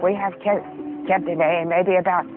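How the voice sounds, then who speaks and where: A woman's voice: on the low side, level tone, moderate pace, over loud music. A woman in her fifties answering interview questions and recalling her childhood, stammering and repeating words as she restarts. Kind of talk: personal recollection and interview answers. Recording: tinny phone-like lo-fi sound.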